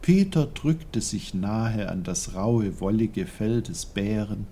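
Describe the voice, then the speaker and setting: A man narrating a children's storybook in a slow, expressive reading voice. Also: on the low side, slight background noise.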